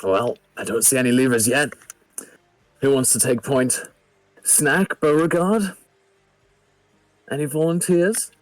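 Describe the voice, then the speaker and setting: A man's voice: mid-range voice, measured pace, pauses often, no room sound. A man chatting in an easygoing way as a player in a tabletop game.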